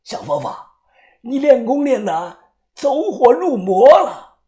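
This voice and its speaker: A woman voicing a crazed old male kung fu master in an audiobook, with giggling, sing-song speech and slow, drawn-out chanting. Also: a little high, big pitch swings, warm tone, voice pushed up. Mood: gleeful. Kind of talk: storytelling audiobook.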